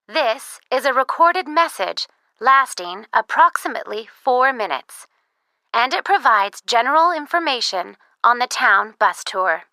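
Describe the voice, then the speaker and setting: A recorded phone information message, read in a clear, measured, scripted way. Her voice sits fairly high, with a lively, bright rise and fall. The sound is dry and close, with no room around it. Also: no room sound, full character voice. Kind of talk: scripted listening-test recording.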